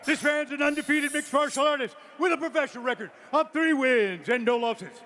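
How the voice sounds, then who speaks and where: A man announcing fighters in a loud, drawn-out ring announcer's delivery in a fight arena. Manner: booming, drawn-out shouted announcing. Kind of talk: fight introductions. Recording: arena with crowd and noise.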